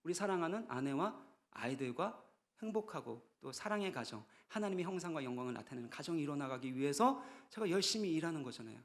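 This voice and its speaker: A man's voice: a little high, lively intonation, fast talker. A man in his thirties, a pastor, giving a conversational sermon at a church retreat, rising into emphatic bursts.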